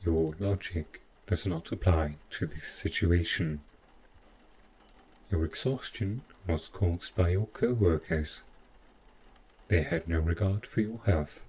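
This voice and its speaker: A man acts out a deep-voiced male robot butler in a scripted audio roleplay addressed to the listener. He speaks very slowly in formal, clinical phrases, cold and clinical yet devoted and possessive with calm menace. The recording is rough, with faint noise behind the voice.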